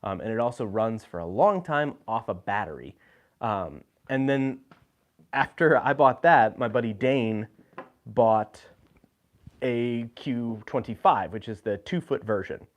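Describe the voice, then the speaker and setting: A man's voice: medium pitch, expressive, unhurried. Casual man rambling about gear. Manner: casual, rambling with fillers and restarts. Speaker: host. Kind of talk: live video gear talk. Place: indoor room with lights.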